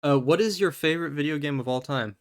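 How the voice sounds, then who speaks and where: A man's voice: a little high, quick pace. A man hosting a podcast, chatting casually, often laughing and stuttering a little. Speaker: podcast host.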